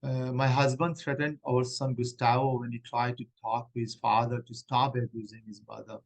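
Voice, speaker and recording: A man playing a middle-aged woman refugee claimant in a mock hearing role-play, answering haltingly with many restarts. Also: mid-range voice, little pitch movement, gravelly, rough recording. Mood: earnest.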